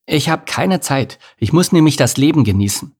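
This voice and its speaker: A man's voice: a little high, lively intonation, moderate pace, darkish tone, husky, pitched above the performer's own voice. A man voicing a stubborn, self-centred young male bug in a storybook reading, grumpy and snappish. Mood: defiant.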